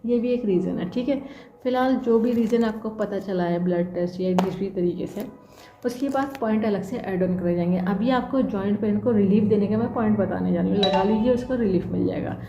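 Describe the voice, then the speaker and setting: A woman's voice: medium pitch, fairly quick, warm tone, lo-fi sound, a little hiss or hum. Woman teaching acupressure in an echoey room. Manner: instructive, frequent "theek hai" check-ins. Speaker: acupressure instructor. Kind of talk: demonstration tutorial.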